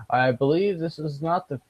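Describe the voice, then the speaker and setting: A man's voice: fairly high pitch, a little mellow, slightly rough, dry recording, rough recording. A man co-hosting a podcast in casual chat, rambling with restarts. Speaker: podcast co-host.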